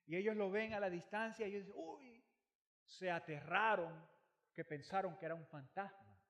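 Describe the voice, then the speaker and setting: A man preaching a sermon, retelling a Bible story dramatically, swinging from loud emphasis to hushed lines and repeating phrases for weight. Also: high voice, fairly even intonation, fairly quick.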